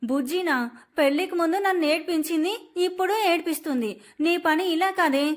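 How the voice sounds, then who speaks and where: A woman's voice: very high-pitched, moderate pace. A woman narrator voicing a playful, childish young husband who teases his new wife in mock-pompous tones. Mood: teasing. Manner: mock-pompous, teasing, shouting in jest.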